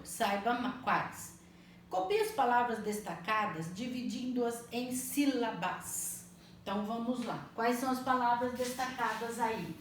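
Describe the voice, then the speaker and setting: A woman teaching a primary school language lesson, spelling out words slowly and patiently, often checking that the children follow. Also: fairly high pitch. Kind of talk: slow, clearly spelled-out online lesson. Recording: echoey room, mic at a distance, faint noise.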